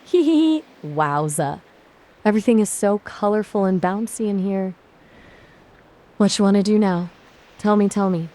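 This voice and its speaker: A synthetic woman's voice putting on a squeaky, giddy cartoon version of a female AI companion. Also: lively intonation, moderate pace, long pauses, dark tone, close to an everyday voice. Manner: giddy, bouncy.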